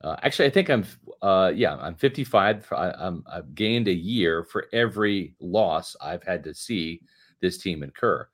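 A man in his fifties co-hosts a late-night sports podcast, reading an ad in his own words with jokes and emphasis. His voice is low-pitched and animated, and he keeps a moderate pace.

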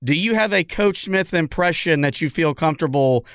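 A male podcast host with a smooth, resonant voice, recorded dry and close on a studio mic. He asks his questions in a casual, conversational manner. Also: a little high, expressive, moderate pace, a bit bright, no echo. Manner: conversational, fillers. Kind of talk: casual interview.

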